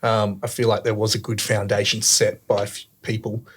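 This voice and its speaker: A man hosting a casual podcast chat, relaxed and thinking aloud with many fillers. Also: lowish voice, moderate pace, slight background noise. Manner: relaxed, talks through ideas with many fillers. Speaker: podcast host.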